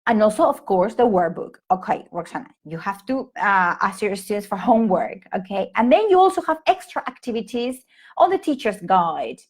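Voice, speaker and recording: On a home live stream for English teachers, a Peruvian woman in her thirties chats casually in a sing-song, mid-range voice with a breathy edge and a moderate pace. Her Peruvian Spanish-accented speech is full of fillers and restarts, captured on a laptop or phone mic.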